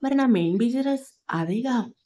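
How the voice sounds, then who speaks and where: A woman's voice: fairly high pitch, animated, normal speed, dark tone. A woman voicing a stern, blunt young gangster husband in a storybook, curt and matter-of-fact.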